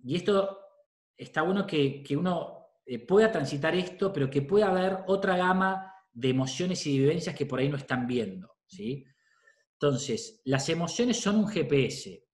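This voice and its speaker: Animated and a little high, at a moderate pace in a reverberant space, a middle-aged man from Argentina gives parents an informal talk. A psychologist with a Rioplatense accent, he keeps it conversational and often inserts a questioning "¿sí?".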